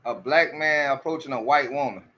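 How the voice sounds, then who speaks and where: A man's voice: mid-range voice, normal speed, sharp tone, dull audio. A man giving casual commentary, often restarting his sentences and repeating rhetorical questions to his audience. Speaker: commentary streamer.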